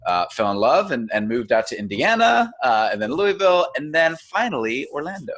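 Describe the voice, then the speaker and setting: A man's voice: mid-range voice, big pitch swings, brisk, a bit bright. A man born in New York and raised in Atlanta, chatting as a podcast guest, friendly, stammering and repeating words. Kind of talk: casual podcast chat.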